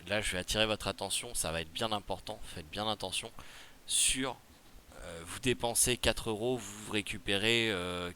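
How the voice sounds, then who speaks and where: A Quebec French man walks viewers through a game promotion, reading the rules and then breaking off into loose, chatty asides. His voice sits fairly low but sounds bright and forward. A faint hiss runs under the recording. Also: normal speed. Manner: reads rules aloud then chats loosely, fillers and asides. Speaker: gaming video creator. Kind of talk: casual tutorial commentary.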